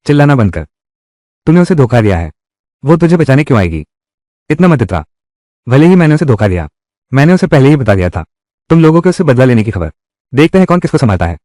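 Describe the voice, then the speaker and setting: A menacing tough guy from a dubbed revenge drama, voiced by a man. His pitch swings widely as he threatens, and the close studio recording is dry with no room sound. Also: darkish tone, no echo, close to an everyday voice. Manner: threatening, confrontational delivery. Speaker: dubbing voice actor. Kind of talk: Hindi dub of a live-action drama.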